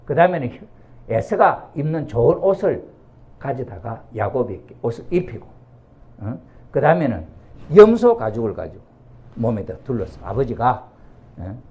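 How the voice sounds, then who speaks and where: A male preacher retells a bible story with energy and acts out the characters as he goes. His voice is mellow and warm. His pitch rises and falls in wide, lively swings. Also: moderate pace, long pauses. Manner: animated retelling, acting out the characters. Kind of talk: animated bible storytelling sermon.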